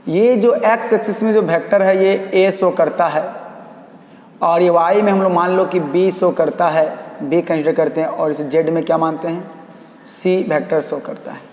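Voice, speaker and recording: Male math teacher, high voice, lecturing in a reverberant room and repeating key terms. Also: a little mellow. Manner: repeats key terms, asks and answers own questions. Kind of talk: classroom lecture. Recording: echoey room with long reverb.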